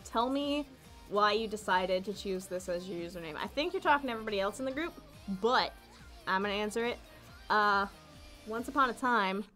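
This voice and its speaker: A woman's voice: mid-range voice, fairly bright tone. A young woman livestreamer answering viewer questions in a casual, rambling chat, often giggling and cutting herself off mid-sentence. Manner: rambling, giggly, self-interrupting.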